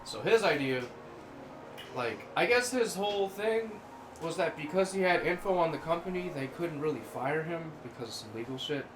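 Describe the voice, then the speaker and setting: A man's voice: a little high, lively intonation, normal speed, reverberant, music in the background, poor audio. A man co-hosting a podcast, casually telling rambling, crude workplace stories. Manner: rambling crude anecdotes, acts out quoted voices. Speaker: podcast co-host. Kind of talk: casual storytelling chat.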